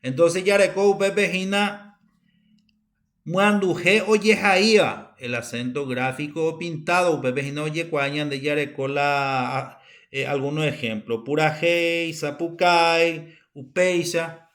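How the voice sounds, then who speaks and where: A woman with a Paraguayan accent teaches a recorded university lecture, speaking slowly and haltingly and often repeating her phrases. Her voice is deep.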